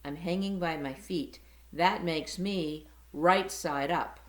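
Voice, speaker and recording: A woman reading aloud and voicing a blunt, matter-of-fact bat who talks loudly, in a roomy space. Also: low voice, takes it slowly. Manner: loud, teasing, explaining. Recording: roomy echo.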